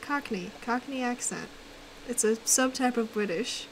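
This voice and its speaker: A woman streaming a game and chatting casually, excitable and teasing, with sudden loud exclamations. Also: on the high side, unhurried, a little hiss or hum, rough recording. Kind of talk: casual gaming chat.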